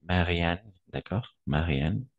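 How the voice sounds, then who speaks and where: A man's voice: low-pitched, expressive, slow pace, phone-quality sound, slight background noise. A man teaching French in an online lesson, patiently repeating words and correcting pronunciation.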